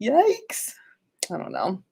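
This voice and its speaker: She has a mid-range voice that swoops wildly in pitch, slow and creaky with a dark tone and a breathy edge. As a podcast host on a livestream, she chats informally and reads out listener fan fiction, being playful and sweary and often interrupting herself.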